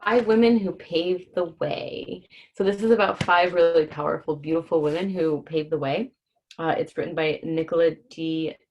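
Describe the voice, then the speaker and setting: With a low voice at normal speed and lo-fi sound, a woman hosts a casual livestream read-aloud of a children's book. She speaks informally and explains difficult words simply for young children.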